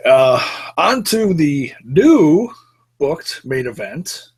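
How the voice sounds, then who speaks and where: A married man co-hosting a wrestling podcast in a relaxed, conversational way. His voice sits a little high and has a husky edge. He tells his stories at an easy pace and laughs readily. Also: very slow. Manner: laid-back storytelling, easy laughs. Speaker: podcast co-host. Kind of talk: casual wrestling podcast chat.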